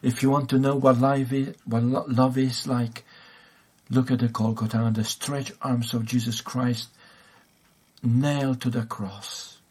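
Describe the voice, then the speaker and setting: A man's voice: medium pitch, level tone, unhurried, a little mellow, husky. A man preaching a sermon, hesitant, with many fillers and restarts.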